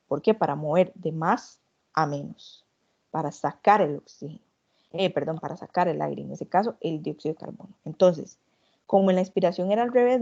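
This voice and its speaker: A woman teaching an online anatomy lesson, explaining step by step and demonstrating, with filler words and quick self-corrections. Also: fairly low pitch, mellow, highs cut off.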